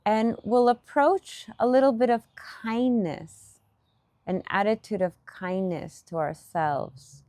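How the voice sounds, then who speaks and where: Leading a guided meditation, a woman offers soft instructions in brief, unhurried phrases with pauses in between. Her voice is mid-range, and the recording is dry.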